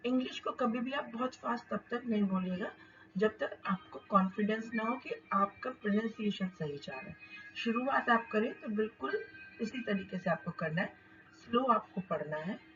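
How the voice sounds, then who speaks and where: A woman teaching English pronunciation, reading words slowly and explaining in Hindi mixed with English terms. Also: on the high side, lively intonation, a bit bright, lo-fi sound, faint music behind. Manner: slow, deliberate word-by-word reading. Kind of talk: lesson.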